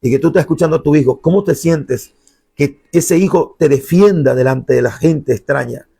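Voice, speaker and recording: Gravelly impassioned preacher man. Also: moderate pace. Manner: impassioned, acts out quoted voices, pitch jumps high when shouting. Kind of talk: sermon.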